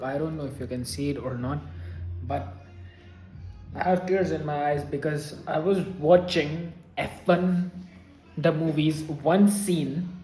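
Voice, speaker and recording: A man's voice: fairly high pitch, darkish tone. Earnest young man in an echoey room. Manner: earnest and openly emotional. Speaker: vlogger. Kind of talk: casual vlog talk to camera.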